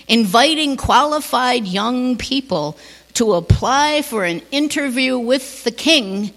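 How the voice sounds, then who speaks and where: Slow, gentle woman preacher in a church. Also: high-pitched, in a large hall. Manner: slow, gentle, drops to a near whisper on key lines. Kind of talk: sermon with storytelling.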